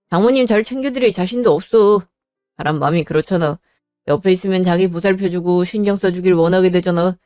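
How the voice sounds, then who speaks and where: A woman voicing a cold, dismissive husband who flatly refuses every request. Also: fairly low pitch, no echo, clean studio sound, close to an everyday voice. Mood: irritated. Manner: blunt and unyielding. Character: cold, dismissive husband, busy working man. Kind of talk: Korean drama voice acting.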